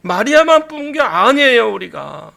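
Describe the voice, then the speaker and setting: Guy preaching in church, really gravelly voice, bright and punchy, gets loud and acts stuff out. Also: very high voice, moderate pace. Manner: animated, acts out scenes and shouts for emphasis. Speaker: pastor. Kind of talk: sermon. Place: church sanctuary.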